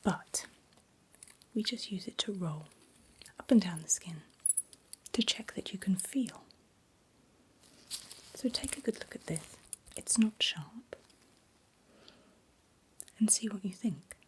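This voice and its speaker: This is an ASMR medical exam roleplay where a middle-aged woman, as a caring doctor, whispers breathily and reassuringly with close personal attention. She speaks slowly in a mid-range voice, pausing often, and the recording quality is low.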